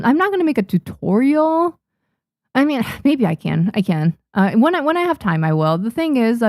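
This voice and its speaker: A young native Japanese woman, a streamer and manga artist, chats casually on a live stream, reading and answering viewers' questions with lots of fillers and restarts. Her mid-range voice has a dark tone, captured in a dry, studio-quality recording.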